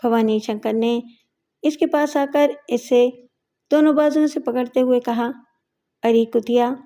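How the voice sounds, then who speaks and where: A woman narrating a story in a measured, steady storytelling manner. Her voice is fairly high yet mellow and soft-edged.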